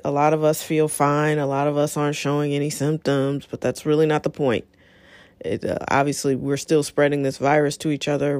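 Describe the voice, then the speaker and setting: Talking on her own to listeners, this middle-aged female show host is chatty and supportive, often drifting into asides. She has a deep, slightly mellow voice with a light scratchiness, captured dry with no room sound.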